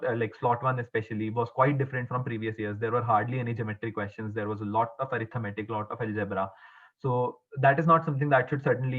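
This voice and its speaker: A young man with a mid-pitched voice answers formally, as if advising in an interview. He is earnest but hesitant, often stumbling and restarting as he explains. The sound is thin and narrow, like a phone line. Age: young adult. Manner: hesitant, halting, with frequent stumbles and repeats. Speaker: exam topper giving advice as interviewee. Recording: muffled, phone-like narrow band.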